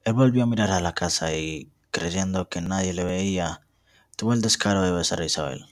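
A young man, a student, reading a novel aloud in a steady, measured way. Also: low-pitched, dry recording, clean studio sound. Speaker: student narrator.

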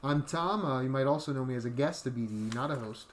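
A man co-hosts a casual podcast, trading dry jokes in an average-pitched voice. He sometimes turns earnest, and faint room noise sits behind him. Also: fast talker. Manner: dry, joking, earnest at times. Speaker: podcast co-host. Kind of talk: casual chat.

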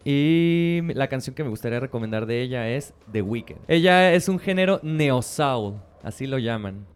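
A man's voice: medium pitch, animated, moderate pace, clear, resonant tone. A man with a Mexican Spanish accent, co-hosting a podcast in casual, slangy chat and laughing often. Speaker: podcast co-host.

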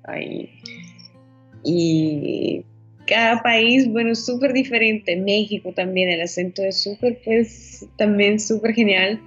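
A woman chatting casually about Spanish accents, lively and playful, laughing often. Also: mid-range voice, takes it slowly, breathy edge, dull audio, faint music behind.

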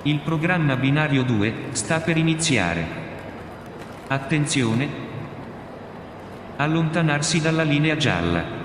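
A man voicing a slow, formal male announcer over a train station loudspeaker, in an echoey hall with background noise. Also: fairly high pitch, lively intonation.

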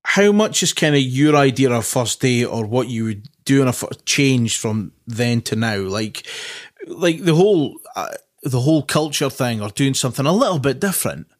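A man's voice: medium pitch, lively intonation, moderate pace. A man hosting a casual podcast, asking rambling questions full of fillers and restarts. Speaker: podcast host. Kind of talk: casual interview chat.

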